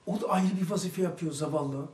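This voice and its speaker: A man's voice: fairly high pitch, a little fast. Religious study teacher, man, emphatic storyteller; roomy, distant recording. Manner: animated storytelling, emphatic outbursts. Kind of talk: religious lesson talk. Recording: echoey room, mic far off.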